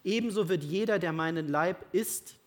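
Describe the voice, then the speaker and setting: A Bible reader speaking the lines of Jesus as a calm, solemn teacher, slow and deliberate, with a husky tone. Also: medium pitch, natural voice.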